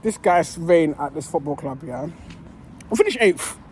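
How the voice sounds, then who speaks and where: A woman's voice: low-pitched, expressive, moderate pace, darkish tone, slight background noise. A woman, a football fan giving a heated, swearing reaction rant that keeps circling back on itself. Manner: heated, swearing, repeats herself.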